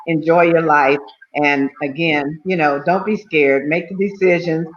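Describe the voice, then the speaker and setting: A woman's voice: deep voice, steady tone, a little slow. Chatty 70s lady guest rambling on, lots of you-knows, dull lo-fi sound. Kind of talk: casual talk-show interview.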